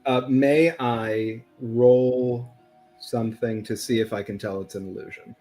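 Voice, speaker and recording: A man's voice: medium pitch, steady tone, measured pace, warm tone, faint music behind. A man playing a tabletop role-playing game, narrating his character's actions in a casual way.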